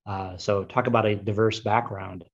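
A man's voice: on the low side, fairly even intonation, highs cut off. A man hosting an interview show, introducing his guest and asking her questions with occasional fillers. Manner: friendly, measured interviewer with fillers. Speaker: podcast host.

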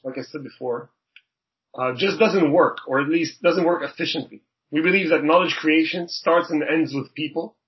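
Earnest man from Israel, lo-fi audio. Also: fairly high pitch. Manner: earnest, many repeated words and restarts. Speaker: startup co-founder and CEO. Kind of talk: interview answers. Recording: dull lo-fi audio.

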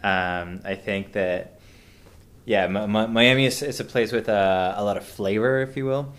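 This podcast guest is a Venezuelan man in his thirties whose casual talk is hesitant, packed with fillers and restarts. He speaks on the low side, a bit slowly, with a fairly bright tone.

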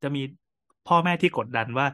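A man who is a doctor, co-hosting a casual chat podcast, animated and laughing often. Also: fairly quick.

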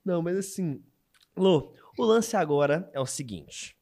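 A young man hosting a casual interview, talking in a relaxed, slangy way and often restarting his sentences. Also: fairly high pitch, measured pace, vocal fry. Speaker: interviewer and content creator. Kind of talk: casual podcast chat.

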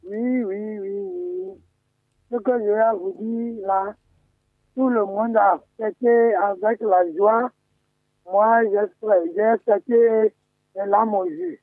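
A man calling in to a radio show by phone, slow and repetitive as he voices plaintive complaints. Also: sits high, no echo. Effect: phone call line. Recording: tinny phone line.

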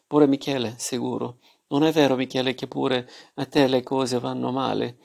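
A man reading as a smug jovial gentleman. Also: medium pitch, little pitch movement, normal speed, vocal fry, natural voice. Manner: hearty, teasing, boastful. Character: jovial smug middle-aged man, falsely good-natured.

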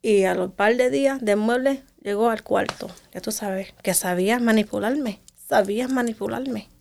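A woman, telling her own life story in an interview and sometimes sinking to a hush. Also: a little high, normal speed, creaky, slight background noise. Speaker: interview guest. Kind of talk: emotional personal testimony.

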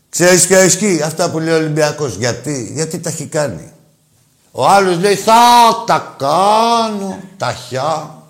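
Crude, taunting male call-in host. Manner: swings between loud rants and low asides. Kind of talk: call-in football banter.

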